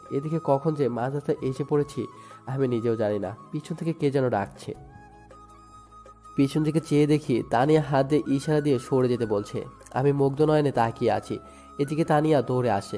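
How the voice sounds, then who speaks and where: A man's voice: medium pitch, warm tone. A man narrating a first-person dramatic story in a sorrowful, emotive way. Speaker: narrator and lead voice.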